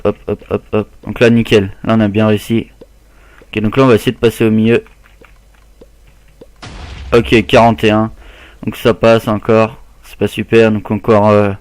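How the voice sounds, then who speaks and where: A man's voice: on the low side, darkish tone, no echo. A man casually commenting on his own gameplay as a gaming YouTuber, chatting and muttering to himself as he plays.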